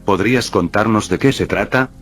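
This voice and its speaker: A man voicing a blunt, sharp-tongued teenage girl in a read-aloud fan story, speaking dryly. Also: lowish voice, normal speed, faint music behind, close to an everyday voice.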